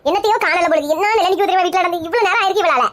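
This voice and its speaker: A woman with a Kanyakumari Tamil accent playing a touchy, bald, middle-aged village woman who nags and bickers. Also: very fast. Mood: bickering. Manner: shrill, nagging, bickering.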